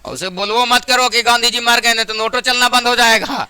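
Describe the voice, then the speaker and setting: High, bright Bihari math teacher. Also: male voice, fairly even intonation, fairly quick, clear, resonant tone, no echo. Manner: chatty, joking, scolds students. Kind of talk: classroom lesson. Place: classroom.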